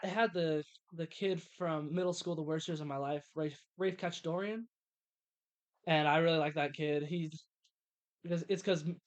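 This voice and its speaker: A man's voice: a little high, clear, resonant tone. A young man co-hosting a podcast, chatting about movies eagerly and tripping over his words. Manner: enthusiastic, stumbling restarts. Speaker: podcast co-host. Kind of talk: casual movie review chat.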